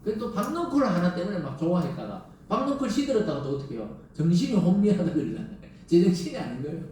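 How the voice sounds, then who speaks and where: Pastor preaching, mellow voice, lots of church echo, kinda far from the mic. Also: male voice, high voice, very animated, fast. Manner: asks the congregation rhetorical questions and acts out quoted lines. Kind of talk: sermon. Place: church sanctuary. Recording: very echoey hall, mic at a distance.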